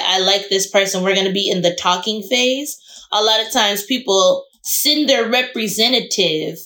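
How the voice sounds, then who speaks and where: A woman co-hosting a casual chat podcast, giving firm opinions in drawn-out phrases. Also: mid-range voice, bright, forceful tone. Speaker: podcast co-host.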